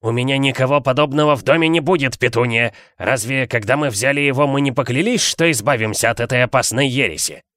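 A man reading an audiobook, voicing a blustering, bullying middle-aged uncle with a gruff, contemptuous manner, in a dry recording. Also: medium pitch, quick pace, hardly any pauses, a bit bright, no room sound, natural voice. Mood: muttering tense.

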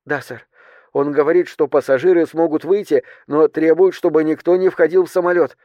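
A man voicing a young female flight attendant who reports in a hushed, tense way. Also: a little high, fairly even intonation, fairly quick, no echo, lo-fi sound, natural voice.

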